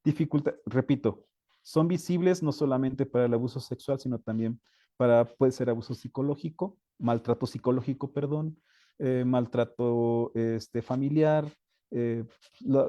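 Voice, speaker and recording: A man delivers a training lecture to teachers in a mellow, warm voice. He pauses to check in with his listeners and now and then searches for a word. The recording is close and dry, with no room sound. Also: mid-range voice, dry recording, muffled recording. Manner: often checks in with the audience, with frequent hesitations.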